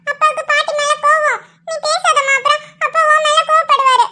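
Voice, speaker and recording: A woman's voice: extremely high pitch, steady tone, brisk, pushed and bright, exaggerated voice. A woman voicing a little boy who pleads for his mother in a cartoon. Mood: pleading. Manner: pleading, childlike. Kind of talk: cartoon voice acting.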